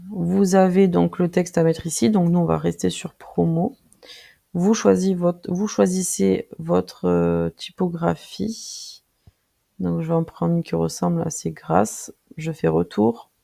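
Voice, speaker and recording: A presenter walking viewers through a design tool in a casual screen-recorded tutorial, speaking directly to them and pausing often with filler sounds while clicking. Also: mid-range voice, fairly even intonation, creaky, mellow. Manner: friendly, addresses viewers directly.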